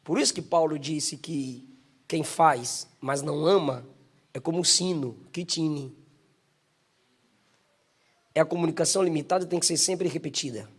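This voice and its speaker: A pastor from Bahia, Brazil, with a Bahian Portuguese accent preaches a live sermon at a church service, building up to shouts and singing out imitations of bell sounds. His voice is on the high side with a breathy edge.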